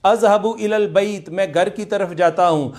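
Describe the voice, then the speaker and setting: Guy teaching arabic, high voice, says each word slow and again and again. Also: darkish tone. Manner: slow, repeats Arabic words many times for drilling; explains in Urdu, asks students to repeat aloud. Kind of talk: online class lecture.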